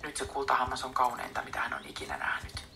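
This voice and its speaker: Woman reader, whispered storybook narration, very low gravelly voice, faint hiss. Casting note. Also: very animated. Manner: soft unvoiced whisper. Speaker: audiobook reader.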